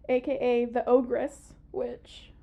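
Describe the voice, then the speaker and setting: A woman's voice: fairly high pitch, completely flat delivery, takes it slowly, vocal fry, mellow. A young woman hosting a podcast in casual chat, giggly and chatty, swearing freely. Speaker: podcast host. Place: small podcast room.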